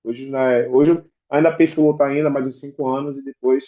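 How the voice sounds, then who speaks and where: Brazilian guy talking fast and loose, young fighter, kinda muffled audio. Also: mid-range voice, steady tone. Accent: Brazilian Portuguese. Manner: casual slangy speech, repeats "velho" and "e tal". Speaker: MMA fighter, interview guest. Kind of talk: candid personal storytelling.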